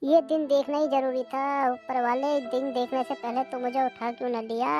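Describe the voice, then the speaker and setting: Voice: high voice, level tone, moderate pace, music in the background, lightly acted. A voice artist voicing an older village mother-in-law who complains and laments in rustic speech, for a cartoon. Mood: lamenting.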